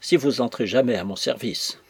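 A man's voice: mid-range voice, moderate pace, creaky, breathy edge, dry recording. A sly menacing master, as a man reads him. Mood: menacing, mocking. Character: sly menacing male master, scornful and domineering.

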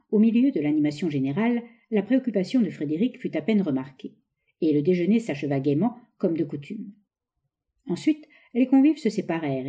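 Woman, audiobook narration, very mellow dark tone, measured expressive reading. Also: on the low side. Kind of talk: scripted narration of a novel.

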